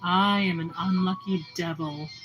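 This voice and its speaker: A woman's voice: fairly low pitch, steady tone, a little slow, over music, lightly acted, low-quality recording. A woman reading the lines of an embarrassed young man who speaks sulkily and grumbles. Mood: sulky. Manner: sulky, growling.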